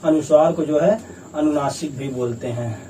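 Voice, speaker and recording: Teacher explaining slowly from across room. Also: male voice, fairly high pitch, mellow. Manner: patient, repetitive explaining, sounds out letters slowly. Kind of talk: grammar lesson at a board. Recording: distant mic with faint room noise.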